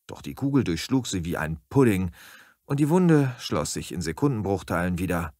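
A man narrating a comic story in a dry, self-satisfied, deadpan way. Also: lowish voice, no echo.

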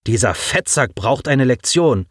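A man's voice: mid-range voice, expressive, a little slow, no room sound, clean studio sound. A man voicing a burly, hostile teenage bully who blusters rudely. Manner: rude, blustering.

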